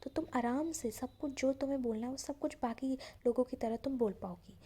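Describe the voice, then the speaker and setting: A woman voicing a kind, patient woman teacher who speaks softly and soothingly to a frightened pupil. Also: sits high, fairly quick, slightly rough. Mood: gentle coaxing. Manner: soft, soothing, coaxing.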